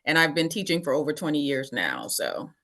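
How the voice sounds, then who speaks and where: A woman from the Bahamas, a podcast guest explaining things in a relaxed, matter-of-fact way. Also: low voice, brisk, vocal fry. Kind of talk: casual interview.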